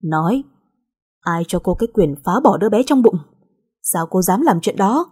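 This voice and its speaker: Woman doing furious young husband, cold, accusing, slow, mellow, husky. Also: medium pitch, lively intonation.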